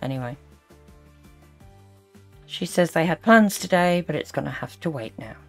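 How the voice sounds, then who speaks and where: Woman, low pitch, sarcastic reaction host, disapproving commentary, music in the background. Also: expressive, moderate pace.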